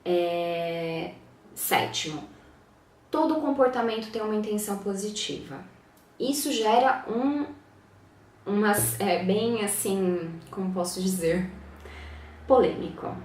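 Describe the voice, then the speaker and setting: A woman teaching principles of communication in a relaxed, reflective way, often ending her points with short checking questions. Her voice sits in a mid range. She sounds set back from the mic in a room with a noticeable echo. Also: mid-range voice, far from the mic. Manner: reflective, frequent tag questions. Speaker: NLP coach. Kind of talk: casual teaching talk to camera.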